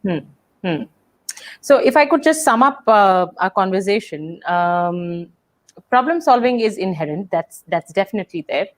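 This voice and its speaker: Speaking unhurriedly in an animated, medium-pitched voice, a woman hosts a casual webinar over video call. She comes across as thoughtful, though she uses lots of fillers and often restarts her sentences.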